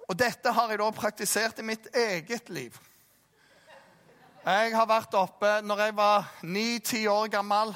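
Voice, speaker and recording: A man with a Jæren accent preaching a sermon, animated, telling stories and acting out voices. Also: sits high. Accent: Jæren Norwegian. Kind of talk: sermon with storytelling. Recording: long reverb of a large hall.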